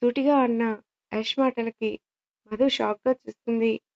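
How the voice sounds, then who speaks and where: Woman narrating a story, flat and slightly high. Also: measured pace, gravelly. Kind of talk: scripted narration. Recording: dull lo-fi audio.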